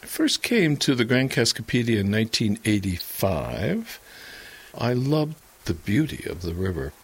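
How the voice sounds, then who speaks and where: A man in his sixties, a writer being interviewed, recalling the past in a halting, emotional way. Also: fairly low pitch, gravelly, husky. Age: 60s. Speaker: author. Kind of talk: documentary interview.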